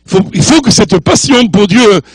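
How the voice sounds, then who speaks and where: Older male guest preacher, high voice, dry close sound, jokey and easygoing, slips between three languages. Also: lively intonation, moderate pace, slightly rough, no echo. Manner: jovial, joking with the congregation; mixes French, English and Spanish. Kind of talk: sermon. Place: church.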